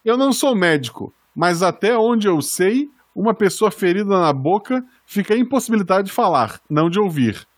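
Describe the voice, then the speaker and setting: Brief: young male co-host, high voice, playful banter, dry close mic. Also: animated, moderate pace, hardly any pauses, no echo. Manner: playful, joking, self-deprecating. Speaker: podcast co-host. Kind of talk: casual podcast chat reading listener comments.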